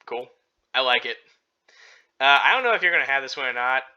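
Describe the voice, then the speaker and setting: Casting note: male podcast co-host, very bright edgy tone, rambling and laid-back, dull lo-fi sound. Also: medium pitch, animated, a little fast, clear, resonant tone. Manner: rambling, laid-back, lots of fillers and self-deprecating laughs. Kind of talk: casual sports betting chat.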